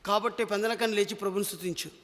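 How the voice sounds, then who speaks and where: A man preaching a sermon in a church, impassioned, swinging from pleading cries to low, hushed lines. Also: fairly even intonation, fast, in a large hall. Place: church hall.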